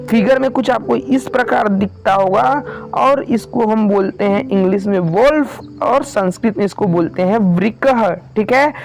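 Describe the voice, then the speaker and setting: A man's voice: high voice, rough recording. A man teaching an online vocabulary lesson, saying each word twice and asking his viewers to repeat it back.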